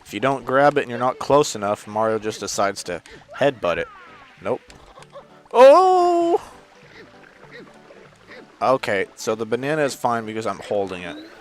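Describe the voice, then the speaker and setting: A man giving casual, rambling gameplay commentary as a let's play host, with sudden loud outbursts and hiccups. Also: on the low side, brisk, faint music behind.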